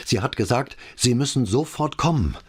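A man's voice: medium pitch, animated, normal speed, slightly rough, pitched above the performer's own voice. A man voicing a flustered, out-of-breath police sergeant who stammers out an urgent report. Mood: breathless.

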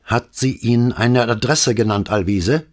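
A stern police commissioner, played by a man reading aloud, pressing with firm, insistent questions. The voice is husky and low with lively pitch movement. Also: a little slow, heavily acted. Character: stern controlled middle-aged male police commissioner.

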